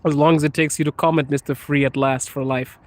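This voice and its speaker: A Zimbabwean livestreamer walks a cold city street outdoors, phone in hand, laughing as he reads viewer comments and jokes with chat. His voice is fairly high and fairly flat in pitch, and he talks fast.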